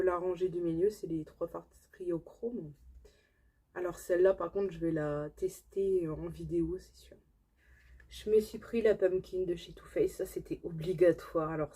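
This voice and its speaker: A woman's voice: fairly low pitch, warm tone, husky. A woman with a French accent, casually chatting through a beauty haul to her viewers, enthusiastic and full of fillers. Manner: chatty, filler-heavy, enthusiastic about products. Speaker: beauty vlogger. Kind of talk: casual haul chat to camera.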